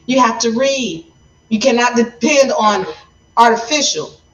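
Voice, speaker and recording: A woman's voice: on the high side, fairly bright tone, roomy sound, distant mic, muffled recording. A woman hosting a livestream, explaining her point in an emphatic, lecturing way. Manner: emphatic, lecturing, speeds up and slows down for stress. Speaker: livestream host. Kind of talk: livestream commentary. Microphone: phone.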